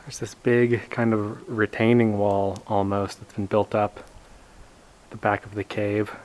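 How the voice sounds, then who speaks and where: A man's voice: lowish voice, completely flat delivery, slow, a little mellow. A man vlogging casually inside a huge rock cave, his voice echoing off the walls, with a plain-spoken, offhand manner. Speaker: hiking vlogger. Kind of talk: casual vlog narration.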